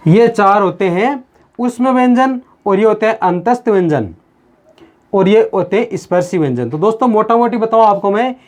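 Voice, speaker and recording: A man's voice: high-pitched, animated, darkish tone. Male teacher asking and answering questions. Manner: asks the viewers questions and answers them himself; calls the viewers friends, slow and repetitive. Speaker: Hindi grammar teacher. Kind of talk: video lesson explaining at a board.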